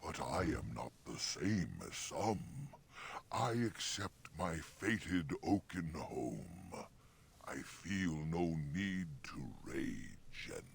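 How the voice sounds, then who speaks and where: A very deep, rhyming ancient oak. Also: male voice, very animated, slow pace, gravelly, a little hiss or hum, heavily acted. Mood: solemn. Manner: speaks in archaic rhyming couplets. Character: ancient male talking oak tree, courteous and gently jesting. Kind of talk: theatrical fantasy game dialogue.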